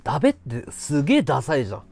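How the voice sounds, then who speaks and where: A man's voice: fairly high pitch, huge pitch swings, rapid-fire, creaky, a little mellow, faint music behind. A man from Chiba chatting casually with his live-stream viewers, rambling and laughing at his own stories. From Chiba, Japan.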